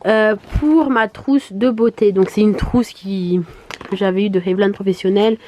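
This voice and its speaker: A woman chatting casually in a vlog, her voice hoarse, congested and duck-like from swollen tonsils, speaking in a chatty, hesitant way. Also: mid-range voice, unhurried, mellow, a little hiss or hum. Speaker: vlogger. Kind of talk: casual vlog chat to camera.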